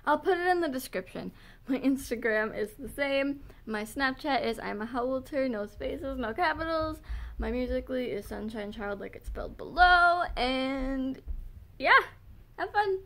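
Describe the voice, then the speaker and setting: A young woman chatting casually in a vlog, giggling often and filling pauses with "um", and she says she is losing her voice. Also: sits high. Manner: giggly, filler-heavy, gushing. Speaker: vlogger. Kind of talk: casual chat.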